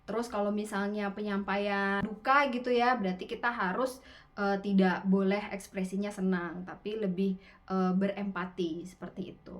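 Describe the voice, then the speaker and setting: A woman teaching public speaking in an online webinar, with lively rising and falling intonation and casual fillers. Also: mid-range voice, normal speed. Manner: gestures constantly with her hands; casual Indonesian fillers like "gitu ya".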